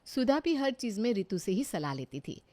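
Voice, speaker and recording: A woman narrating a family story in a steady, explanatory storytelling manner. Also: mid-range voice, normal speed.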